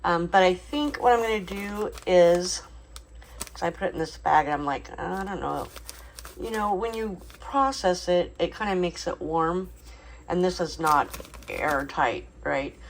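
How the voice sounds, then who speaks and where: A woman's voice: on the low side, a little slow, a little hiss or hum. A middle-aged woman hosting a home cooking video, chatting casually with lots of fillers and small laughs. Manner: chatty, relaxed, many fillers and little laughs. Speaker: cooking channel host. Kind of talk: casual kitchen vlog narration. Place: home kitchen.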